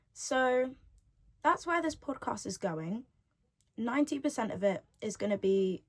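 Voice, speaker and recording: An eighteen-year-old woman hosts her own podcast alone, talking in a chatty, rambling way and often repeating her own phrases. Her voice sits in an ordinary middle range. She records at home using a device's built-in mic instead of a proper microphone.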